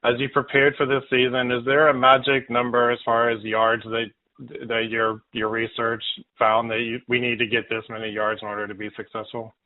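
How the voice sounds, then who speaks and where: Flat-voiced reporter on a phone line. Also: male voice, mid-range voice, normal speed. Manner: hesitant, many fillers. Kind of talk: asking questions on a media call.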